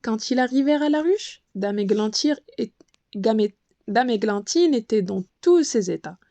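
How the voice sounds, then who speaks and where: A woman's voice: fairly high pitch, lively intonation, normal speed, mellow, no echo. Woman reading a bedtime story.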